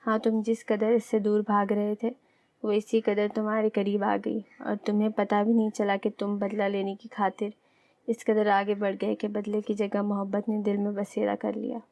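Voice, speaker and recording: A woman voicing a young man's inner heart, which questions him and gently reproaches him. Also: medium pitch, monotone, natural voice. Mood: probing.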